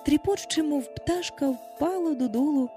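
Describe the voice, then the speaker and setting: A woman narrating a storybook aloud in an expressive way, acting out the characters. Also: sits high, moderate pace, faint music behind. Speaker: audiobook narrator.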